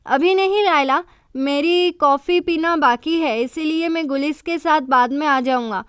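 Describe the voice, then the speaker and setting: A woman's voice: sits high, measured pace, no room sound, studio quality. Woman doing easygoing young man Osman.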